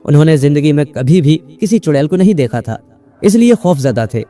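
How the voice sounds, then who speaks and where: Man, storybook narrator, measured folk-tale reading, soft music bed. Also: fairly high pitch, sing-song. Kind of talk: scripted narration.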